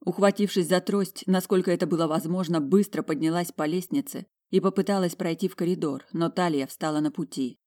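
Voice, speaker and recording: A woman's voice: on the low side, a little fast, hardly any pauses, mellow. A woman reads a first-person audiobook with emotional, introspective storytelling. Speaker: audiobook narrator.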